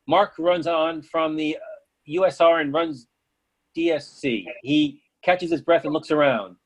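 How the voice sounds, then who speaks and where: A man's voice: a little high, unhurried, rough recording. A man reading stage directions as scripted narration for a play.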